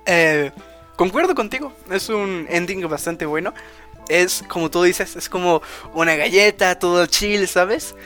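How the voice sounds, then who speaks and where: A man's voice: sits high, measured pace, bright, forceful tone, faint music behind. A man, co-hosting a podcast and loosely retelling an anime episode, full of fillers and "que no sé qué". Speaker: podcast co-host. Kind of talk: casual chat recapping an anime episode.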